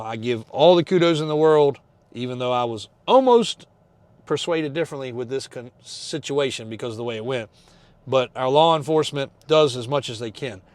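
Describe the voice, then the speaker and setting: A man's voice: medium pitch, no echo. A man talking casually to his viewers from a moving vehicle, emphatic and repeating phrases for stress. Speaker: car dealership owner and video host. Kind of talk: casual ride-along talk to viewers.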